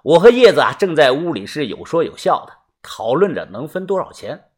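A man's voice: a little high, sing-song, fairly quick, slightly rough. A man narrating a first-person audiobook story in a chatty way, padding phrases with little fillers.

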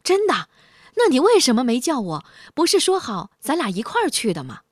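Brief: woman doing an indignant storybook cat, loud and scolding, high and swooping. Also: lively intonation, fairly quick, no room sound, studio quality. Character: drowsy then furious male house cat.

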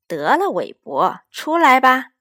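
A woman voicing a cheerful, friendly patchwork elephant in a children's story, with bright, animated exclamations. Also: high voice, takes it slowly, dry recording, clean studio sound, pitched above the performer's own voice, heavily acted.

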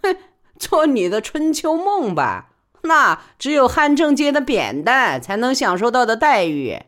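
A woman's voice: high-pitched, very animated, unhurried, a bit bright, pitched above the performer's own voice, heavily acted. Woman doing a sneering young woman. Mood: mocking. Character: mocking young woman friend.

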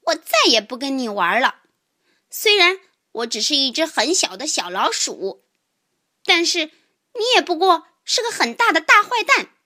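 A woman voicing a tiny, defiant mouse who shouts in high outbursts, in a children's storybook reading. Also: very animated, moderate pace, full character voice.

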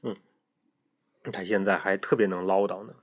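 A man's voice: sits low, fairly even intonation, normal speed. A man doing a confident know-it-all schoolgirl. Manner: confident, soothing.

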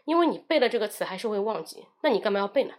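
A woman's voice: medium pitch, lively intonation, rapid-fire. Woman teaching English on a livestream. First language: Mandarin Chinese. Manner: switches between Mandarin and English, demonstrates phrases.

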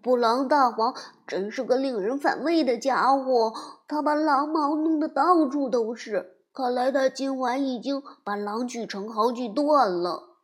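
A woman's voice: high voice, a little slow, breathy edge. A woman voicing a fretful little male piglet in a storybook reading, who hesitates and stammers. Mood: hesitant. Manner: hesitant, full of "uh"s.

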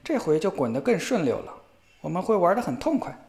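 A man voicing a bold, fearless young fellow who brags and shouts in a storybook reading. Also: high-pitched, very animated, fairly quick, pitched above the performer's own voice. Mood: eager. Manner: boastful, shouting.

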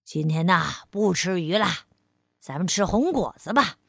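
Storybook tyrannosaurus: gruff big male dino turned gentle, drawling low and raspy, read by a woman. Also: expressive, dry recording, studio quality, heavily acted. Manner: slow, hesitant with ums and pauses. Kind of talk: children's storybook reading.

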